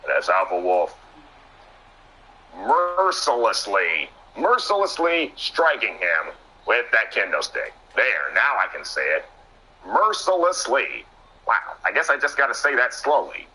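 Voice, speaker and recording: An excitable man calling a wrestling match play by play, tripping over words and joking at his own expense. His voice is sharply bright and swoops widely in pitch, though he takes his time between bursts. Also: a little slow, breathy edge, rough recording. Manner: excitable, trips over words and laughs at himself. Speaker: wrestling commentator.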